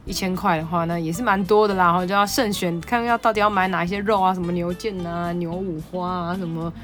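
A woman with a Taiwanese Mandarin accent hosting a podcast, telling a story in an animated, excitable way. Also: lowish voice, a little fast, soft background music. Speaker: podcast host. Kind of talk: casual storytelling monologue.

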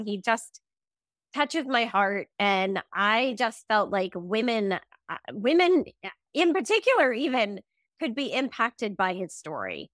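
A woman's voice: a little high, a bit bright, no echo, clean studio sound. A woman hosting a podcast, introducing her guest with enthusiasm. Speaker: podcast host.

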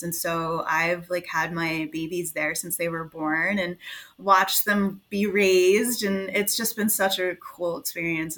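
A woman's voice: fairly low pitch, a bit bright. A woman guest who works as a life coach, talking in a gushing, enthusiastic interview chat full of "like" fillers.

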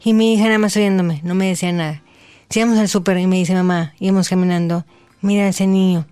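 A Mexican woman in her forties, an interview guest telling her own story in slow, deliberate speech with an unusual articulation. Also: lowish voice, steady tone, a little mellow, smooth. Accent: Mexican Spanish. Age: 40s.

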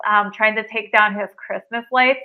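A woman's voice: medium pitch, steady tone, normal speed, muffled recording, lightly acted. A woman playing a foreign caller from a makeshift tent, who tells stories in a prim, rambling way. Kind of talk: improvised comedy bit.

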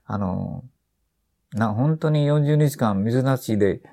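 Gravelly older man, rambling storyteller. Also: medium pitch, takes it slowly, dark tone. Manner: rambling, with many restarts and trailing phrases. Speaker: author and podcast guest. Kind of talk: casual conversation.

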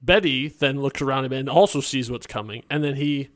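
A man co-hosting a podcast, chatting casually about a movie, animated and quick to laugh, with lots of restarts. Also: medium pitch, no echo, studio quality. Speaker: podcast co-host. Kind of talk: casual film-discussion chat.

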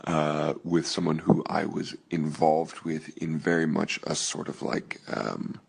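A man speaks in a played clip with an extremely deep, gravelly voice that is husky and worn. He talks slowly and hesitantly, measuring each phrase. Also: level tone.

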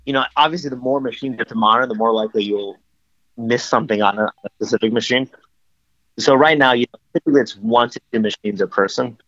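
A man talking on speakerphone with the phone held away from him, so his voice comes back echoey and cuts in and out. He explains things in a relaxed, conversational way with many fillers. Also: medium pitch, fast. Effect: speakerphone with the phone held away, echoey and cutting in and out. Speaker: guest. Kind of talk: casual interview. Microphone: phone on speakerphone away from his mouth. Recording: dull, echoey phone line.

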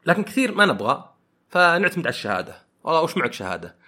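A man hosting a podcast, talking through ideas in a thoughtful way and often pausing to search for words. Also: fairly high pitch, big pitch swings, sharp tone. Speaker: podcast host. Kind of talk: reflective podcast monologue.

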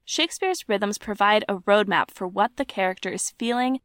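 A woman's voice: mid-range voice, lively intonation, moderate pace, a bit bright, dry recording. Playful woman podcaster, dry close mic. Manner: playful, sounds out rhythms aloud. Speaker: podcast co-host. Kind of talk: scripted explainer narration.

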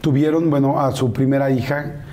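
An interviewer who prompts the guest with brief questions and quick affirmations in a relaxed conversation. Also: medium pitch.

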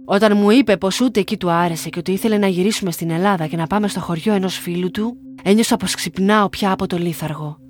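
A young woman from Greece reading her own story aloud in a calm, measured way. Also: medium pitch. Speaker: narrator. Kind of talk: scripted first-person narration. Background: faint music.

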